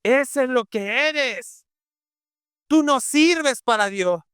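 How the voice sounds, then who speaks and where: A man voicing the devil as a scornful male accuser in a sermon, slow and drawn out. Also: extremely high pitch, lively intonation, a bit bright, clear, resonant tone, no room sound, studio quality, voice pushed up, heavily acted. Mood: taunting.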